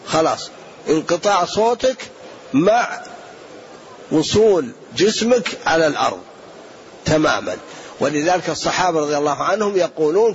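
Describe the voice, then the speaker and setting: A man's voice: on the high side, a little hiss or hum. Man answering questions in a lo-fi lecture recording. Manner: explanatory, measured, repeats points for emphasis. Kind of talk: religious lesson Q&A.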